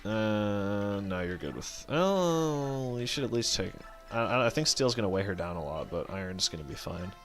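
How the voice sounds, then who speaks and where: A man's voice: fairly low pitch, animated, moderate pace, soft background music. A man giving casual gameplay commentary as a let's play host, rambling, correcting himself and swearing offhand as he thinks aloud.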